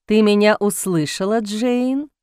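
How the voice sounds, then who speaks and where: A woman voicing a cold, cynical male aristocrat who speaks in a hoarse, mocking drawl in an audiobook. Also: medium pitch, animated, moderate pace, no echo, clean studio sound, close to an everyday voice. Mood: menacing.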